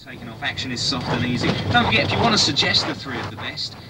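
A man's voice: mid-range voice, big pitch swings, fast talker, recorded from a distance, very noisy. A man presenting on the radio, heard on an old VHS home video tape, breezily reading out an address and a phone number.

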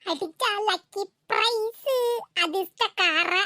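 A woman voicing a gloating scheming woman with a Tirunelveli accent, slow and cackling, in a cartoon. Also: very high voice, sharp tone, no room sound, clean studio sound, exaggerated voice. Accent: Tirunelveli Tamil. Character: gloating scheming woman who stole money.

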